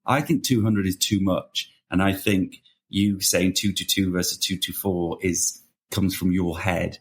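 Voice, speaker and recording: Man, lowish voice, faint background noise, ponders out loud. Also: steady tone, unhurried. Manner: musing, thinks aloud. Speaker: podcast co-host. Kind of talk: casual quiz chat.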